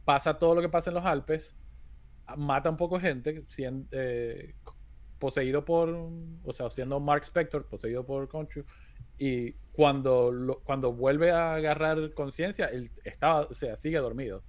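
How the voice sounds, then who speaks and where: A man's voice: fairly high pitch, fairly even intonation, unhurried. A man co-hosting a casual chat about a TV series, talking in a rambling way with frequent restarts. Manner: rambling, with many restarts and fillers. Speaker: co-host.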